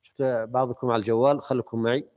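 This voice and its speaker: A man's voice: mid-range voice, flat delivery, very fast, a little mellow. A man teaching a study circle, explaining a classical text conversationally and quizzing his students.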